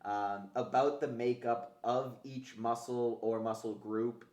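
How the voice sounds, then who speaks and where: A man's voice: fairly low pitch, darkish tone. A man hosting a casual fitness podcast, talking conversationally with gym-bro slang and casual swearing. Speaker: podcast host. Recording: roomy, echoey sound.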